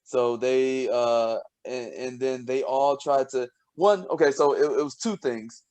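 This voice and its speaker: A man co-hosting a casual podcast, telling stories with lots of laughter and restarts, and dropping low and quiet when he quotes himself. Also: measured pace. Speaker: podcast co-host, scientist. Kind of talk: casual storytelling chat.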